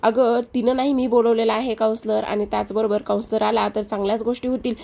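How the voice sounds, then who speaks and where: A woman reading the lines of a calm young man who coaxes someone to settle down. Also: fairly high pitch, fast, creaky. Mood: coaxing. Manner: coaxing, calming.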